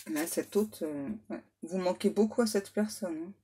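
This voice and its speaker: A woman with a mellow, slightly husky voice, giving a card reading. She talks in an easy, reassuring way and keeps adding small tag words as she lays out what the cards show. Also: lowish voice. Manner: unhurried, reassuring, full of little "hein" and "ouais" asides; reads English card names aloud. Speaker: medium doing card readings. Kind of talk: tarot reading for viewers.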